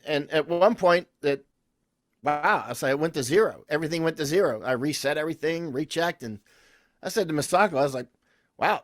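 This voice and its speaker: A man's voice: fairly high pitch, fairly bright tone, dry recording, studio quality. A man speaking as a podcast guest, telling rambling, anecdotal stories with restarts and confident, emphatic declarations. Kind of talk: conversational interview storytelling.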